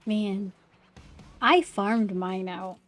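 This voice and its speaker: Chatting casually with viewers during a gaming stream, a woman often apologises as she plays. Her pitch is medium, her pace extremely slow, and soft music runs in the background.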